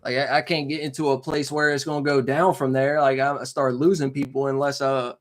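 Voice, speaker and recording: A young man in his mid-twenties talks off the cuff on a live stream. He rambles and circles back, scattering slang, fillers and asides. His voice sits at an ordinary male pitch. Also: little pitch movement, a little fast. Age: 20s. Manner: rambling, slangy, full of fillers and "you know what I'm saying". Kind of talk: casual live-stream chat.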